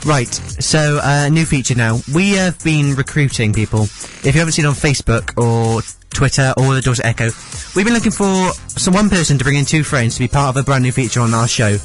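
A man's voice: mid-range voice, animated, fairly quick, hardly any pauses, soft background music. A man hosting a radio show in a chatty, enthusiastic way.

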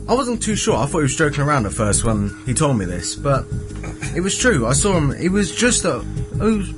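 Lively teenage boy over loud music. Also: fairly high pitch, brisk. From Weymouth, England. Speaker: radio contestant. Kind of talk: casual anecdote.

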